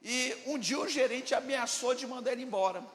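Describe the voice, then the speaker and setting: A man's voice: very high-pitched, brisk, a bit bright. A Brazilian man, a pastor preaching a sermon, emphatic, asking the congregation questions and acting out dialogues. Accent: Brazilian Portuguese. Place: church hall. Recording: echoey church hall, faint ambience.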